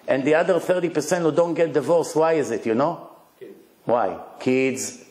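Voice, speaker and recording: Delivering a spirited religious talk to an audience in a roomy-sounding space, a man with an Israeli accent and Hebrew as his native tongue speaks in a slightly high, somewhat mellow voice. His style is forceful and direct, built on clipped, punchy lines and rhetorical questions.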